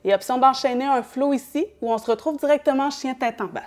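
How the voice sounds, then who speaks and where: A yoga teacher with a Quebec French accent, guiding a class in a fairly high voice. She gives calm, step-by-step instructions and laughs lightly now and then. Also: a little fast.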